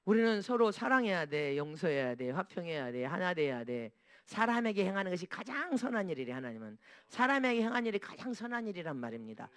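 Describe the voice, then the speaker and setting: Fast, high-voiced preaching man. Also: fairly bright tone, dry recording. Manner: emphatic, repeats phrases and asks the congregation for responses. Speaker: pastor. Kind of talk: preaching a sermon.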